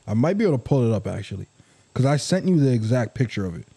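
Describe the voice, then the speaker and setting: A man's voice: medium pitch, big pitch swings, fast talker, creaky, mellow, slightly rough. A young man in casual banter with a friend, rambling and teasing as he talks.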